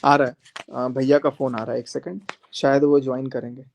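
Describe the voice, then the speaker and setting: A man's voice: medium pitch, level tone, a little fast, gravelly, a little mellow, a little hiss or hum. Defiant man ranting on a live stream. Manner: defiant, confrontational, repeats phrases for emphasis. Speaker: social media creator on a live stream. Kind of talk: heated live-stream monologue.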